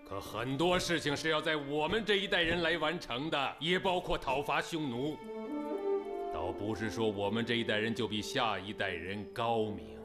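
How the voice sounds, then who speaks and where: A man playing an aging emperor in a historical drama, speaking calmly and in a measured way, then firmly about his duty. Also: medium pitch, over music, lightly acted. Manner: calm, measured, soothing then firm. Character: powerful aging emperor, calm and resolute.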